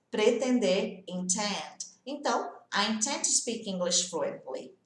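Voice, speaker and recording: A woman's voice: medium pitch, reverberant. Chatty Brazilian woman teaching English. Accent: Brazilian Portuguese. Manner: chatty and encouraging, checks in with "tá?" and "tudo bem?". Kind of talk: casual online English lesson.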